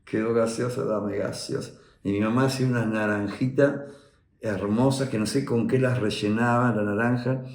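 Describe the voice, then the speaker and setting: A man in his sixties with an Argentine accent, a war veteran telling his son his memories in a reflective, unhurried way with hesitant fillers. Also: mid-range voice, steady tone. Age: 60s. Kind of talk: personal reminiscence. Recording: roomy echo.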